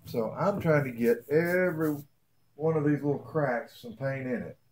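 A man's voice: a little high, normal speed, a little hiss or hum. Folksy guy showing how he builds stuff in his workshop, plain talk, wanders off on side stories. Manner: plain-spoken, folksy, rambling asides. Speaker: beekeeper showing a woodworking build. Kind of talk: casual how-to demonstration. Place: home workshop.

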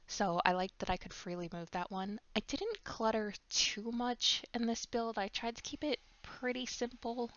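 A young woman with a stuffy nose giving relaxed, chatty voice-over commentary on her game build, full of ums and likes. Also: on the high side, normal speed, few pauses, no echo. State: stuffed up with a cold. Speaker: gaming YouTuber. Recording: slightly dull lo-fi mic.

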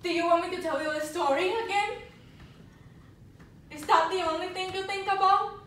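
A woman acting a stage monologue as a grieving young woman who confronts her mother, speaking slowly and quietly. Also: very high voice, fairly even intonation, a little hiss or hum. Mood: grieving, haunted. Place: acting class room. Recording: roomy distant room mic.

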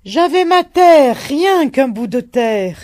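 A reader voicing an old, worn-out peasant laborer who shouts his bitterness against the wind. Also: medium pitch, animated, slow, dry recording, clean studio sound, voice pushed up. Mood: bitter outcry.

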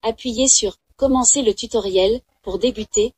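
A woman voicing a helpful robot assistant that guides players, reading calm instructions as game voice-over. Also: on the high side, normal speed, slightly rough, no echo. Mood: instructive.

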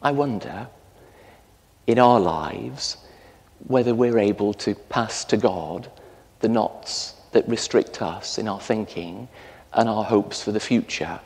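A man in his fifties with an English accent, a parish priest delivering a storytelling sermon with lively gestures in a large stone church. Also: fairly low pitch, slow pace. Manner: storytelling, animated gestures while preaching. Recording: long church reverb.

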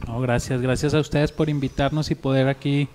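Mid-pitched Mexican man, earnest interview guest. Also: fairly even intonation, a little fast, a little mellow. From Zacatecas, Mexico. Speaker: interview guest, local politician. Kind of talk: conversational interview answers. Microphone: handheld microphone.

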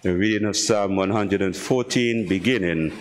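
A man leading a church service at a pulpit microphone, reading prayers and scripture in a measured, solemn way. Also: low voice. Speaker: officiant leading worship. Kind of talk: liturgical reading. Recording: long church reverb with background hiss.

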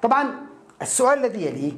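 A man teaching English pronunciation online, repeating phrases slowly and stressing each sound. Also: very high voice, sing-song, slight background noise.

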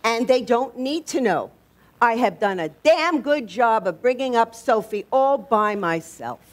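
A woman acting as a defensive, proud single mother who runs a bar, speaking slowly and emphatically in an amateur stage scene. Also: on the high side, lively intonation.

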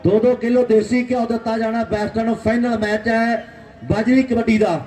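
High, mellow man announcing over echoey PA. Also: flat delivery, normal speed. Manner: polite, thanking and requesting. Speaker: tournament announcer and organiser. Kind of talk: live event announcements. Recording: echoey outdoor PA, distant mic.

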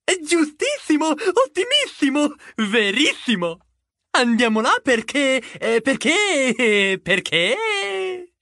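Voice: sits high, very animated, slow, sharp tone, no echo, clean studio sound, heavily acted. An actor voicing a boastful, bumbling detective mouse who rhymes playfully and trails off mid-sentence.

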